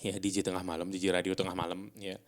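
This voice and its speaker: A middle-aged man speaking on a business podcast in a relaxed, chatty way, full of fillers and acted-out dialogue. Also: low voice, quick pace. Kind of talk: casual podcast talk.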